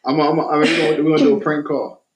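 A man's voice: a little high, flat delivery, very fast, roomy sound, muffled recording. A man from Philadelphia with a Philadelphia accent, co-hosting a casual podcast chat, laid-back and joking, swearing freely. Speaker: podcast co-host.

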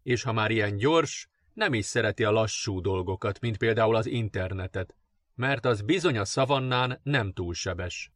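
A man narrating children's fairy tales in a gentle, expressive reading. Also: on the low side, dry recording. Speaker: audiobook narrator. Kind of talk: storybook narration.

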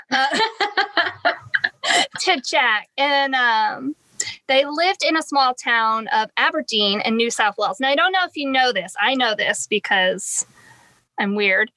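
Young woman, podcast co-host, high pitched, dry close sound, casual and sweary. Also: pushed and bright, dry recording, poor audio. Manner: chatty, swears freely, laughs often. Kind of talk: casual true-crime podcast chat.

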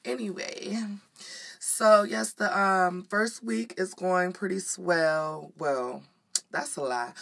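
A woman with a slightly raspy morning voice, chatting casually as a podcast host in a sassy, profane, unfiltered way. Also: low voice, fairly bright tone. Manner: sassy, profane, unfiltered, says "honey" often. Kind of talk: casual chat, solo podcast. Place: walk-in closet at home.

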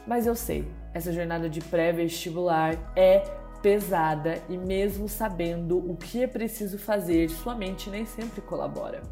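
A woman's voice: fairly low pitch, a little mellow. A Brazilian woman hosting and reading a scripted introduction as a writing coach. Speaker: host, exam writing coach. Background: background music.

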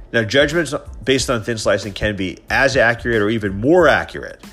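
A man's voice: lowish voice, a bit bright. A man in his thirties hosting a solo podcast of opinion and sports commentary, sounding stuffy and nasal from a head cold, as if his nose were pinched, with a slightly scratchy throat. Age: 30s. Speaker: podcast host.

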